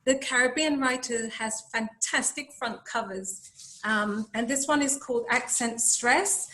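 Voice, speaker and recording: A woman from Dominica with an English accent, a poet who chats briskly and then recites her poem slowly over a video call. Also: a little high, pushed and bright, rough recording. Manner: brisk chat, then slow measured recital. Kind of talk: poetry reading on a webinar.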